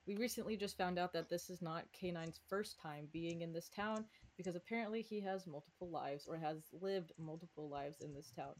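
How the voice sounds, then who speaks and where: A woman's voice: on the low side, a little fast, few pauses, a little mellow. A woman with a slight lisp on her S sounds, reading her own fanfic aloud to friends and breaking off for giggly asides. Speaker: fanfic reader and author.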